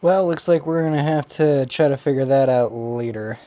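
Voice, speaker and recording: A man streams while wearing a costume helmet, mumbling rambling asides to his viewers. His voice sits at an ordinary middle pitch. The sound comes through muffled and lo-fi. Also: moderate pace, mellow, no room sound. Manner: rambling, half-muttered asides. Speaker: livestreamer. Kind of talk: casual livestream chat. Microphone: talking from inside a costume helmet.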